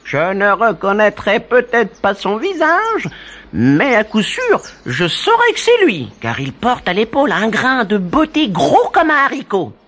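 An old peasant father, acted by a man, speaks with great feeling in a high voice. His storybook lines rise and fall dramatically. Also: huge pitch swings, a little slow, fairly bright tone, heavily acted. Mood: amazed. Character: emotional old peasant father, astonished and sorrowful. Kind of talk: storybook dialogue.

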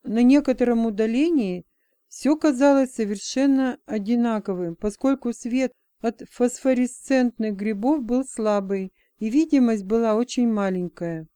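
A woman reads a story aloud in a measured, even narration. Her voice is smooth and mellow, pitched a little high. The sound is close and dry. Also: dry recording. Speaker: audiobook narrator. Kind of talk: scripted narration.

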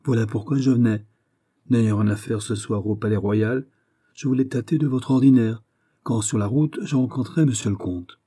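A man's voice: medium pitch, moderate pace, dark tone, husky, lightly acted. A man reading an audiobook voices a sly, bold musketeer captain who speaks with confident, teasing aplomb.

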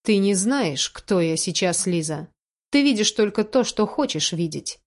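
A woman's voice: mid-range voice, expressive, unhurried. A woman voicing a young man who pleads and defends himself earnestly in a spoken story.

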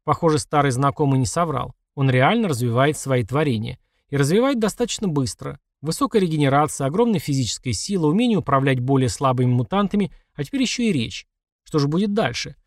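A man's voice: fairly high pitch, animated, fast talker, no echo, clean studio sound. A man reading a first-person audiobook in a tense, matter-of-fact way. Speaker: audiobook narrator.

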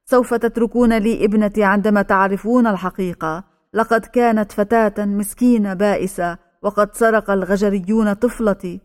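A woman's voice: mid-range voice, fairly even intonation, brisk, a little mellow, close to an everyday voice. A woman voicing a desperate old mother, a recluse who shields her daughter and pleads with soldiers in an audiobook. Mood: pleading. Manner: pleading, frantic cries.

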